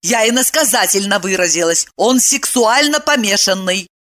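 A woman's voice: medium pitch, moderate pace, a bit bright, natural voice. A woman voicing a blunt, flippant young woman friend who sounds exasperated, in an audiobook. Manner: exasperated, dismissive. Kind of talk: audiobook dialogue reading.

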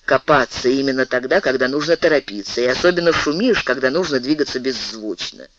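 A man voicing a huge, good-natured male giant with a gruff, booming voice. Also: fairly quick, lo-fi sound, crowd noise, lightly acted. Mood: grumbling.

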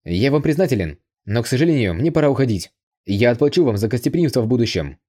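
Man reading as a calm, courteous young hero. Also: mid-range voice, close to an everyday voice. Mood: grateful. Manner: measured and courteous. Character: calm, polite young male mercenary hero. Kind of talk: audiobook character voice.

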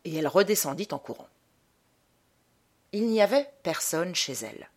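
A woman reading a short story aloud in a measured, dramatic manner. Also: fairly low pitch, animated, a little mellow. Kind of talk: scripted narration of a short story.

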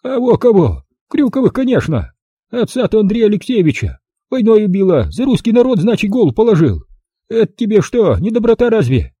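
A man voicing a feisty, sharp-tongued old village woman in an audiobook, scolding in a brusque rustic way. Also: sits high, wildly swooping pitch, fairly quick, slightly rough, no room sound, dull audio, pitched above the performer's own voice, heavily acted. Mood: chiding. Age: older.

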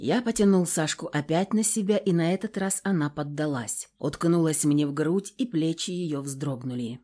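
A woman reading an audiobook in an even, measured storytelling voice. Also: low voice. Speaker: audiobook narrator. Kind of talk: scripted narration.

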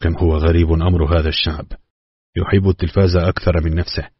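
A man narrates a novel in a steady, solemn manner. His voice is deep and husky. The recording is dry and sounds dull and lo-fi. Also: fast talker, no echo. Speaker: audiobook reader.

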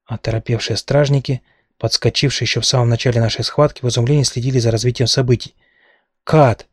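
A man reading a first-person novel aloud at a steady, measured pace. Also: mid-range voice, slightly rough, no room sound, clean studio sound. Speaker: audiobook narrator.

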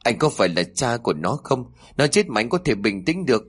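A man voicing a cruel, frantic woman in a horror story, shrill and sobbing. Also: sing-song, a little fast, breathy edge, faint music behind. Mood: outraged.

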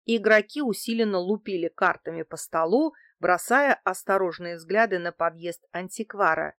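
A woman's voice: on the low side, moderate pace, fairly bright tone, dry recording, studio quality. A woman reading a crime novel aloud in the first person, telling the story steadily. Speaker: audiobook narrator. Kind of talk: first-person scripted narration.

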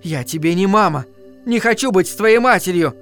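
A man voicing a distraught grown woman who breaks into shrill, sobbing outbursts. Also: unhurried, soft background music, lightly acted. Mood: shrill, angry.

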